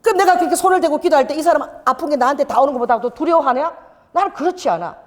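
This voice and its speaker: A middle-aged woman pastor preaches in an animated storytelling way, her fairly high voice swooping widely as she talks quickly. Her sermon rings with the long reverb of a church sanctuary.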